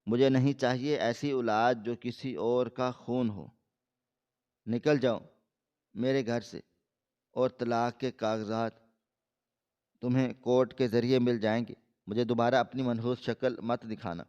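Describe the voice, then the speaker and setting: A man's voice: mid-range voice, fairly even intonation, pauses often, smooth, muffled recording, close to an everyday voice. A man reading the lines of a furious, jealous husband in a harsh manner. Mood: angry. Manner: harsh, shouting-style reading.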